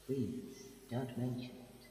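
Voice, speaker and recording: A woman's voice: very deep voice, fairly even intonation, slow, slight background noise. A woman playing a sardonic, scheming Time Lord villain in an audio drama, with a theatrical, condescending manner. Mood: mocking, smooth. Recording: heavily echoing hall sound, slightly distant. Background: loud dramatic music.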